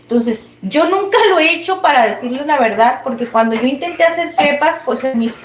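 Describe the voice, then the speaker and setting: A woman's voice: high-pitched, animated, brisk, roomy sound. A woman with a Mexican accent chatting casually and rambling while she cooks, often laughing. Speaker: cooking vlogger. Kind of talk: casual chat while cooking.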